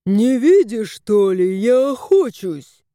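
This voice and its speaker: A woman's voice: a little high, big pitch swings, mellow, dry recording, studio quality. A woman voicing a plump, touchy male house cat who whines and sulks in an audiobook. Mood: sulky. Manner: whining, drawn-out complaints. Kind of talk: audiobook character voice.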